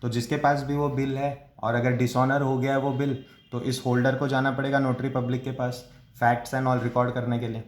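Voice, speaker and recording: A man teaching commerce to students, explaining step by step, asking and answering his own questions and reading out definitions slowly. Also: mid-range voice, flat delivery. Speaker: commerce tutor. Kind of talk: classroom lecture in Hinglish. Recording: echoey room.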